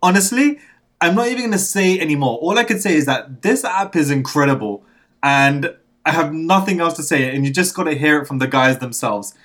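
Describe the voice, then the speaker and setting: Recording remotely from his home studio in London, a male podcast host interviews with gushing enthusiasm, laughing often. His voice is a little high and a little fast, and slightly croaky after a coughing fit.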